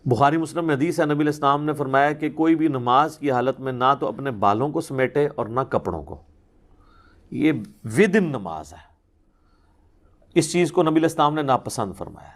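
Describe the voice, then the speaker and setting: A man answering religious questions in a conversational, explanatory way, patiently working through examples. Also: mid-range voice. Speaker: Islamic scholar answering questions.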